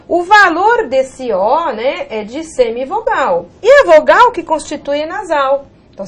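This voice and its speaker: A woman's voice: high voice, a bit bright. A woman with a Brazilian Portuguese accent teaching a grammar video lesson for exam prep. She walks through examples one by one and keeps checking in with "ok?" and pointing the viewer to the board.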